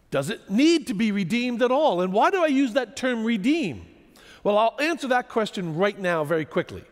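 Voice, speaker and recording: Animated male lecturer, lively high voice. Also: big-room sound. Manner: animated storytelling, rhetorical questions. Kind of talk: public lecture to an audience.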